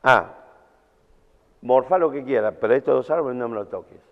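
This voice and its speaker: A man's voice: medium pitch, moderate pace, close to an everyday voice. A man with a Rioplatense accent voicing God giving Adam a blunt, slangy command. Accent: Rioplatense Spanish. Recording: tinny, echoey hall.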